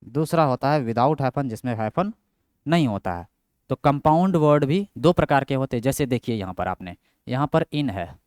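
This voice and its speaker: A man's voice: medium pitch, clean tone, no room sound, clean studio sound. A young man teaching a grammar class, who keeps asking his own questions and answering them. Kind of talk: Hindi grammar lesson with English terms.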